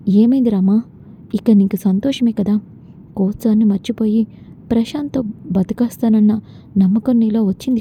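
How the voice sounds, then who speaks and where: A woman's voice: on the high side, close to an everyday voice. A woman voicing a caring, anxious young woman who questions her friend. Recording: dull lo-fi with faint noise.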